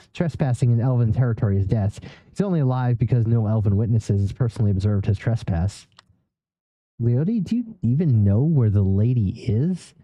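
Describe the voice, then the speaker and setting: A man's voice: medium pitch, dark tone, no echo, poor audio. A man narrating a solo role-play journal in first person, reading aloud with small stumbles and self-corrections.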